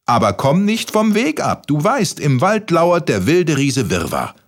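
A man putting on a kindly old granny with a high, warbling voice, calling out and fussing over her grandson. the pitch sits far above his own and wanders about with care and warning, as in a storybook. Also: huge pitch swings, a little slow, heavily acted. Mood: fussing, caring.

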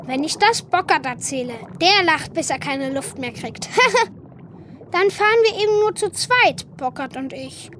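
Young male water sprite for children's audio drama: very high voice, lively swings, cheeky and eager. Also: unhurried, a little hiss or hum. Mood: sulky.

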